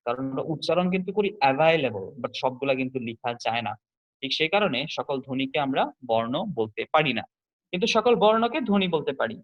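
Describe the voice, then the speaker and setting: A man teaches a class over a video call and walks through each point slowly, repeating it before he moves on. His voice sits a little high. The audio is dull and lo-fi, as on an online call. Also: fairly bright tone. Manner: explains step by step, repeats key points, asks students questions.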